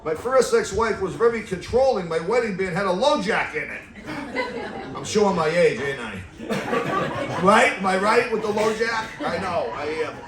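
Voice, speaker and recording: Stand-up comic, middle-aged man, high bouncy voice, deadpan one-liners, roomy club sound from back of the room. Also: normal speed, distant mic, a loud crowd. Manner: deadpan one-liners, laughs at own jokes. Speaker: stand-up comedian. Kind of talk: stand-up comedy set. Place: comedy club stage with live audience. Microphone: stand mic away from mouth.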